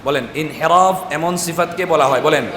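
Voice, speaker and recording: A man's voice: on the high side, a little fast, a loud crowd. A man teaching Quran recitation to a class, quizzing the students and drilling syllables again and again. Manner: drills students with repeated questions and chanted syllables. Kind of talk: classroom tajweed lesson. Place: large echoey madrasa classroom with students. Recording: echoey hall with noisy class.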